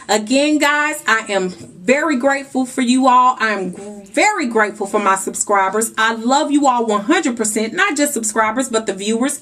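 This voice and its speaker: High-voiced woman giving a motivational talk. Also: a bit bright. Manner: emphatic, preachy, calls viewers "y'all" and "guys". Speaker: vlogger.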